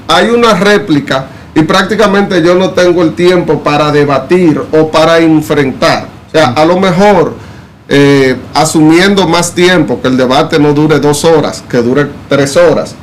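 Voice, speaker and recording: Measured man talking politics. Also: on the high side, slight background noise. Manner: measured, explanatory, uses fillers like "eh" and "vamos a decir". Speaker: political commentator. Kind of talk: casual debate discussion.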